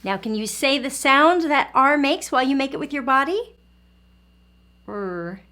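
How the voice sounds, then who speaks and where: In a high, expressive voice with a sharp edge, a woman teaches an early learning lesson and reads a story to young kids. Her phrases are simple and encouraging, and she stops after her questions to give viewers time to answer.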